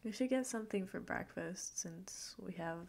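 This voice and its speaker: Woman playing a sleepy just-woke-up girlfriend, creaky ASMR role-play. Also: mid-range voice. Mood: sleepy, affectionate. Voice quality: breathy half-soft voice with creaky fry. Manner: sleepy, just-woke-up morning voice, slow and murmuring. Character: sleepy, cuddly, playful girlfriend lingering in bed.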